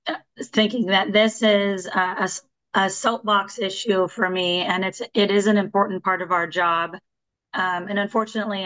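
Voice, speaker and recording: A woman giving a meeting presentation to fellow agents, hoarse because she is losing her voice. She speaks at an average pitch and keeps stopping on ums and restarting her sentences. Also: fairly bright tone, low-quality recording. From Washington state. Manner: hesitant, many ums and restarts. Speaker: real estate agent presenter.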